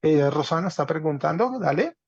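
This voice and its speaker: A man with a somewhat high voice teaches a class online. He is patient and keeps checking that his students follow. The call audio is dry and a little muffled. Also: animated, brisk, darkish tone, breathy edge, no echo. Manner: patient, checks understanding with "¿cierto?". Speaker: Greek teacher. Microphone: video call.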